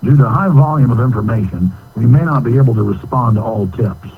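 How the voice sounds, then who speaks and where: A man reading recorded phone menu prompts in a measured, even way, heard over a landline phone. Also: medium pitch. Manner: measured, evenly read announcements. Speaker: automated phone menu announcer. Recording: narrow phone line with faint hiss.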